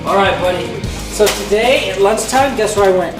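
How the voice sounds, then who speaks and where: In a roomy, echoing space with loud music playing behind, a parent vlogger speaks at a medium pitch and normal speed. The talk is casual and playful with young children, full of encouragement and lots of questions.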